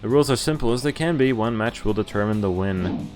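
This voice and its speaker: A woman streamer with a very deep, slightly mellow voice reads visual novel text aloud in a fast, animated, expressive way. She throws in casual, sweary asides of her own, and the game's background music plays behind her.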